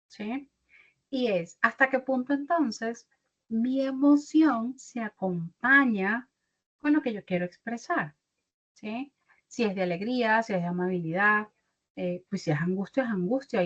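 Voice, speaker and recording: A young adult woman, giving an online mentoring talk as a career mentor and acting out little dialogues. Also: a little high. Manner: animated, acts out little dialogues. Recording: dull lo-fi audio.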